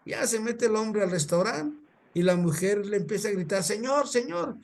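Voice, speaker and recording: A Mexican male preacher tells a story in a colloquial, animated way, often repeating words. His voice sits fairly high. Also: moderate pace. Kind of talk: storytelling sermon.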